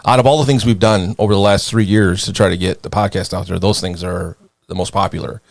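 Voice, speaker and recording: A man's voice: deep voice, steady tone, fast, creaky, no echo. A man hosting a podcast in a casual, rambling, easygoing chat full of fillers. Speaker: podcast host.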